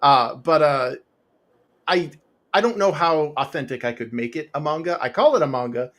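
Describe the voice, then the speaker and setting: With a fairly high pitch, lively intonation and a somewhat bright sound, this man speaks at a moderate pace. A comic author in his forties or fifties, he's an interview guest chatting loosely and ramblingly, with plenty of fillers, restarts and laughs, into a home podcast mic with a pop filter.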